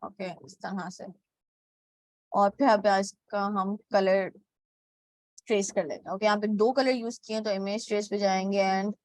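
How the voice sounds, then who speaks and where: A woman's voice: mid-range voice, fairly even intonation, measured pace, a little mellow, dry recording. A woman teaching graphic design step by step, with a frequent "okay" between steps and English terms mixed into her speech. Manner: mixes English words into Hindi. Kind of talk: screen-recorded software tutorial.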